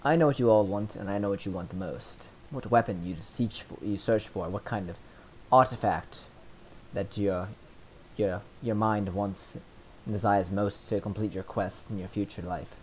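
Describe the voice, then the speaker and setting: A man voicing a young male sapphire dragon, booming and halting with ums. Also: darkish tone, slight background noise, close to an everyday voice. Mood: scheming.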